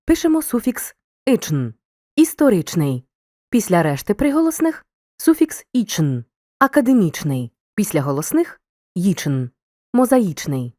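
A woman reading a scripted video lesson as a teacher, giving examples in a clear, deliberate way. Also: medium pitch, big pitch swings, darkish tone, no echo, clean studio sound.

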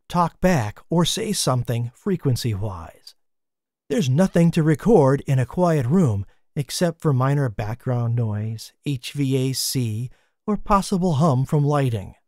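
A man giving scripted documentary narration in a measured, explanatory way, recorded as a voice-over. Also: medium pitch, warm tone, dry recording, clean studio sound.

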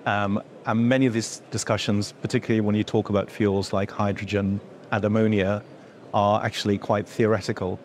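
Speaking in a low, flat voice at a fairly quick clip, this middle-aged industry association executive gives explanatory interview answers, hesitating often with fillers and restarts and gesturing as he talks. The setting is an indoor event room with a logo backdrop, and a faint hiss or hum is audible.

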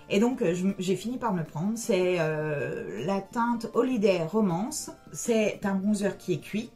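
A woman's voice: medium pitch, a little mellow. A middle-aged woman chatting casually through a makeup review as a beauty vlogger, with many hesitant fillers.

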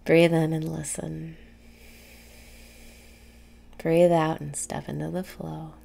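A young woman guides a meditation in a low-pitched voice with heavy creak. She speaks very slowly and softly, breathing her phrases out soothingly and pausing between them. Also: flat delivery. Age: young adult. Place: small room indoors.

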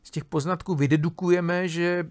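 A man with a high-sitting voice and fairly even intonation gives an informal spoken lecture on a philosophy text. His casual delivery is full of fillers as he thinks aloud, restarts sentences and keeps using tag questions to seek his listeners' agreement.

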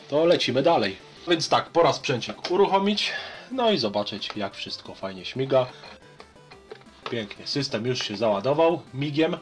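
Low-pitched Polish man chatting casually. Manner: colloquial, rambling. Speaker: retro gaming vlogger. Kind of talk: casual chat and gameplay commentary. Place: small home room with shelves.

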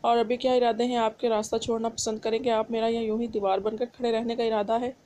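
A cheeky, stubborn young wife from a romance novel, read aloud by a woman. The voice is fairly high, mellow and soft, with an even, flat melody. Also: fast talker, lightly acted. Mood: coy.

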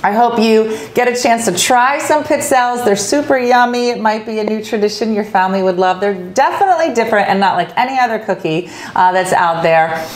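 A woman's voice: on the high side, fairly quick, hardly any pauses. A woman hosting a casual home cooking show, joking and bantering as she chats. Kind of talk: casual cooking demo chat.

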